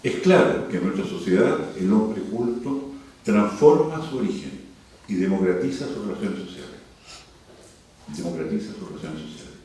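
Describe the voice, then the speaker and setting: Speaking at a cultural forum, a university leader from Santiago, Chile, aged 60 or more, delivers a formal, prepared address punctuated by asides. His voice is fairly low, dark and animated, at a moderate pace. The distant mic captures a very echoey hall in an indoor cultural venue, plus faint noise.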